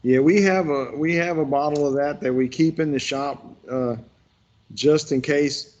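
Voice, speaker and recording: A man's voice: on the high side, unhurried, a little mellow, dull audio. A man leading a workshop, telling folksy stories in a rambling way with lots of restarts. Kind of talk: casual virtual workshop instruction.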